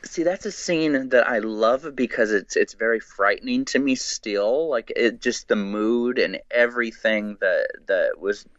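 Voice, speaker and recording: A man guesting on a podcast, chatting excitedly and rambling with many restarts. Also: medium pitch, a little slow, hardly any pauses, dry recording, lo-fi sound. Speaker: guest, horror writer. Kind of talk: casual podcast chat.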